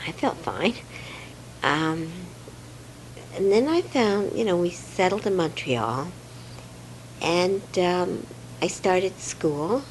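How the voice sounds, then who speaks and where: An older woman from Romania, recalling her childhood in a hesitant, reflective home interview with many pauses and fillers. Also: lowish voice, animated, slight background noise, low-quality recording. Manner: hesitant, many fillers, soft trailing words.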